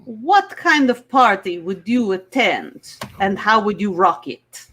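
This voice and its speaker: A woman doing a slow, theatrical Russian bachelorette. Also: medium pitch, expressive, a bit bright, a little hiss or hum. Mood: haughty, coy. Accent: put-on Russian. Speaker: contestant picking a band. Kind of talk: improv game-show comedy.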